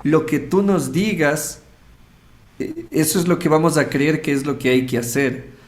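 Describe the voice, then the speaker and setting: A radio host appearing as an interview guest tells a personal story casually, in a slightly high voice at a measured pace. He speaks Ecuadorian Spanish with an Ecuadorian accent and acts out snippets of dialogue along the way.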